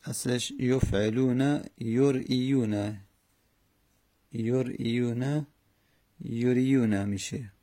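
A man teaching a grammar lesson, slowly and methodically drilling verb conjugations with hesitant fillers. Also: medium pitch, steady tone, mellow. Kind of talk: Arabic morphology lesson in Persian.

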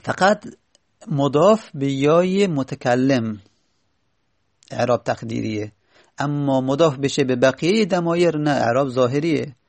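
A man teaching Arabic grammar, explaining each point patiently and repeating key phrases slowly. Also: medium pitch, creaky, darkish tone, no echo.

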